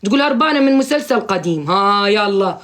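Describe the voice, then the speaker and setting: A woman's voice: mid-range voice, animated, fast talker, fairly bright tone. A woman hosting a live stream, giving comic advice in a blunt, teasing, joking-scolding way over a phone mic.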